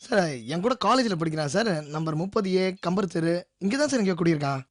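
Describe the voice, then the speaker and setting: A man's voice: high-pitched, lively intonation, quick pace, no room sound. A young man acting as a cheeky, sarcastic college student who talks back to an angry father in a TV serial. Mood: defensive. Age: young adult. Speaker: college student hanging around the house. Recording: TV serial with music behind.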